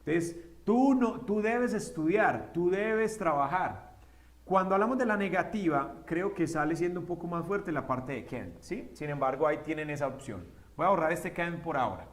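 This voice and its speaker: A man teaching an English grammar lesson step by step, often checking in with a quick question. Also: on the high side, fairly bright tone. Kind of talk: recorded classroom lesson. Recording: echoey room.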